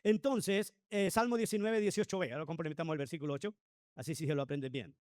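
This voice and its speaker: A pastor teaching Sunday school, preaching emphatically and firing rhetorical questions at the congregation. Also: male voice, a little high, fast, darkish tone, no room sound, studio quality.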